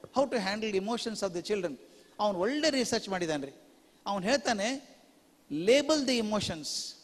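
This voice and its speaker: A high-pitched older man lectures to a conference of teachers, acting out little scenes between parents and children as he goes. His voice rings with a long reverb from the big hall he speaks in. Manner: animated storyteller, acts out parents and children in quick asides. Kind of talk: lecture mixing Kannada and English. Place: large hall.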